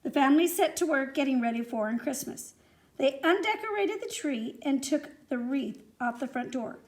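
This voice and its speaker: A woman with a high-sitting voice reads a children's story aloud at normal speed. She's expressive and animated, addressing young listeners directly.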